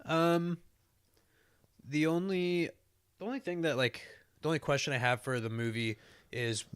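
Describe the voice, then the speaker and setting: A man's voice: on the high side, steady tone, moderate pace, a bit bright, clear, resonant tone, no echo, clean studio sound. A man co-hosting a podcast, chatting casually about a movie in a rambling, self-correcting way. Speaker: podcast co-host. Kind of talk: casual movie review chat.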